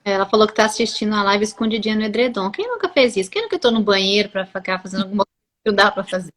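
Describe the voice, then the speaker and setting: A woman's voice: mid-range voice, very fast, fairly bright tone. Encouraging Brazilian woman hosting a live stream. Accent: Brazilian Portuguese. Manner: affectionate, reads viewer comments aloud, encouraging. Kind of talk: casual live-stream conversation.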